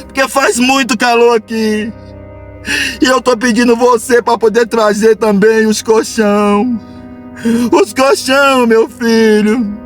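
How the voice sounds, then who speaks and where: A storyteller putting on a frail old mother near death, pleading and tearful with her son. She keeps calling him by the same tender words, in a very high voice, with faint music behind. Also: fairly even intonation, slow pace. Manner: pleading, repeats "meu filho". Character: dying elderly mother in a nursing home, pleading.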